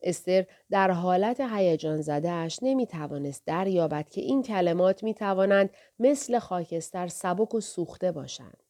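Soft-spoken woman reading an audiobook. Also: lowish voice, lively intonation. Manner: soft, measured, often dropping near a whisper. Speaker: audiobook narrator. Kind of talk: scripted audiobook narration.

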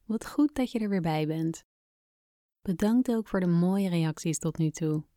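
A woman speaking softly and gently as a podcast host guiding a calming breathing exercise, with phrase endings that fade toward a whisper. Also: on the low side, a little slow, dry recording, studio quality. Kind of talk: soft, soothing guided relaxation narration.

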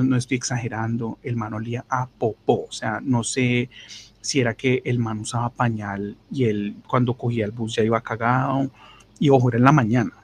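A man's voice: medium pitch, a little hiss or hum. A young man with a Bogotá Colombian accent, casually telling a crude, slangy story on a podcast and mimicking other people's voices. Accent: Colombian Spanish, Bogotá. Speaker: podcast co-host.

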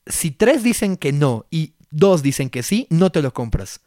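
A young man with a Mexican Spanish accent co-hosting a casual podcast chat, telling animated, slangy stories. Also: a little high, a little slow, no room sound, clean studio sound. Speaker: podcast co-host.

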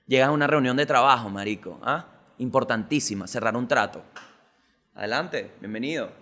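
A young Venezuelan man, a podcast host and stand-up comedian, tells stories in a slangy comic monologue at a fairly quick pace. His delivery swings between loud bursts and low mutters.

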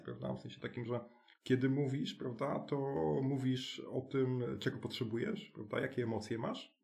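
Man, gravelly voice, halting explanations, frequent restarts, interview guest. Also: mid-range voice, darkish tone. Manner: halting, many restarts and tag questions. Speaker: alternative school director, guest.

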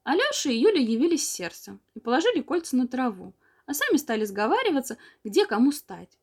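A woman reading an old children's story aloud in a measured, expressive storytelling manner. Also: high-pitched, breathy edge. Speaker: narrator.

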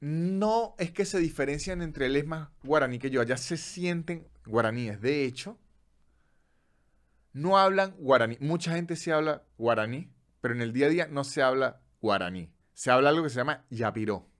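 Un hombre venezolano con acento venezolano, presentador de podcast, contando datos en charla informal y pausada a ratos. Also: male voice, on the high side, expressive, fairly bright tone. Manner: chatty storyteller, slows down to list facts. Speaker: podcast host. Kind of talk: casual chat.

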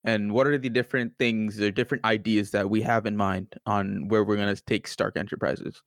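A man's voice: on the low side, little pitch movement, moderate pace, dry recording, studio quality. A nineteen-year-old man co-hosting a casual podcast, hesitant with many fillers and restarts. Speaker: podcast co-host. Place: student university, Canada.

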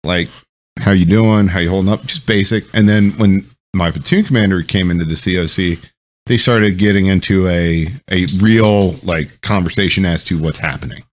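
A man's voice: low-pitched, normal speed. A man telling military stories in a loose, rambling chat, with lots of ums and swearing. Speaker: podcast host. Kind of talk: casual storytelling chat.

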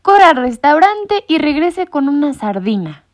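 A woman's voice: high voice, sing-song, normal speed, pitched above the performer's own voice. A woman voicing a pompous male cat leader who gives orders in a formal, bossy way. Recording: muffled lo-fi recording.

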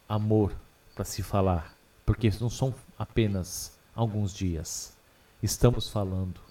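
A Brazilian man hosting a radio show with dramatic, deliberate announcer delivery of a scripted introduction. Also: medium pitch, a little mellow, far from the mic.

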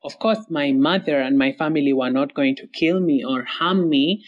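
A woman's voice: deep voice, normal speed, muffled recording. A woman from Somalia telling her story as an interview guest, earnest, with many fillers and repeated words.

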